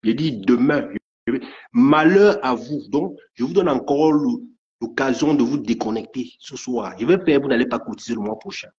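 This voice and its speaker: A man's voice: medium pitch, normal speed, darkish tone. A man ranting angrily on a live stream, stammering and repeating his threats. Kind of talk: angry live rant. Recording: dull lo-fi stream audio.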